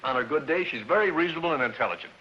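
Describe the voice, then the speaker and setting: A man's voice: fairly high pitch, animated, rapid-fire, natural voice. A man playing a jovial, wisecracking male neighbor in a 1950s radio sitcom. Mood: teasing. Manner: jovial and teasing. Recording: dull lo-fi old radio broadcast with hiss.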